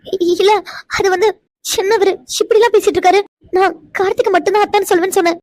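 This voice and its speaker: A timid young village girl from a cartoon, voiced by a woman. She stammers and pleads in a very high, quick voice. The recording is dry and close. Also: fairly even intonation, a little mellow, no room sound. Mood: frightened. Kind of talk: cartoon voice acting.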